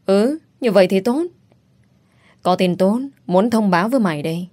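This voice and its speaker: A brash, foul-mouthed young woman who bosses her friend around and still cares about her, as a female reader acts her out. She talks loudly and bluntly, teasing as she goes, in an audio storybook. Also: medium pitch, animated, normal speed, natural voice. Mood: bossy.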